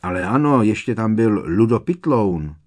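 A man voicing a teenage witch girl who argues her point in a shrill, insistent way. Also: expressive, a little mellow, husky.

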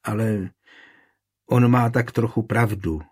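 Male narrator as anxious pious village woman, husky, tremulous and pleading, storybook reading. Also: fairly low pitch, steady tone, darkish tone. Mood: hesitant. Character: anxious devout young village woman, earnest.

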